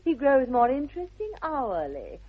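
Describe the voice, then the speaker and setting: An actress in a 1960s radio comedy of manners plays a haughty, self-assured young aristocrat with an upper-class English accent and affected, precise politeness, sounding haughty and candid. Her high, slightly rough character voice swings hugely in pitch at a moderate pace. The vintage recording sounds dull.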